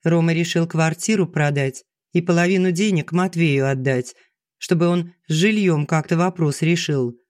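A man reading an audiobook, voicing a gentle, soft-spoken aging schoolteacher who talks earnestly to her friend. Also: a little high, moderate pace, no room sound, clean studio sound, close to an everyday voice. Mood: confiding. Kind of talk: audiobook dialogue.

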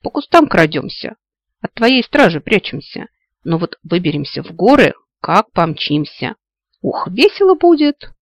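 A man's voice: high voice, sing-song, measured pace, no room sound, clean studio sound, heavily acted. Carefree young giant elf, read by a man. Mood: cheerful.

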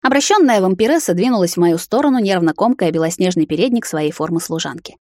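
Low-voiced woman narrating an audiobook. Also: expressive, fast, a little mellow, no room sound, studio quality. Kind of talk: scripted narration of a fantasy romance.

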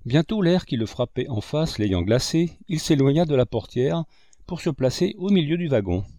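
A man reading a classic novel aloud as an audiobook narrator, in an expressive manner. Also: moderate pace, dry recording. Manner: expressive, with a wide pitch range.

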